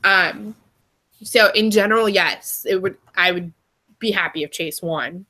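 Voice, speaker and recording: Speaking at a measured pace, this young podcast co-host has a bright, pushed mid-range voice. Her casual chat is emphatic and packed with fillers.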